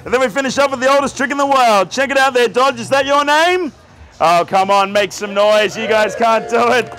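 Theatrical high-pitched Australian street magician man. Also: expressive, brisk, a bit bright. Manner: theatrical showman, projecting and joking. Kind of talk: live street magic show patter to a crowd. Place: outdoor night street market with onlookers. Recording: outdoor camera, crowd and music behind.

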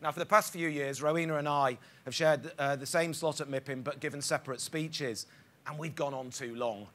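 A man giving a conference presentation, with halting starts, fillers and small stumbles. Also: fairly high pitch, fairly even intonation, pushed and bright. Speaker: conference speaker. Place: conference hall.

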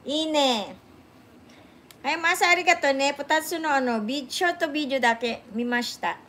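Sounding sleepy, a livestream host in her sixties chats casually from an indoor room with a sofa, filming on her phone at arm's length. Her voice sits high with a fairly bright tone and moderate pace. She mixes languages, responds to comments, and keeps thanking viewers over and over.

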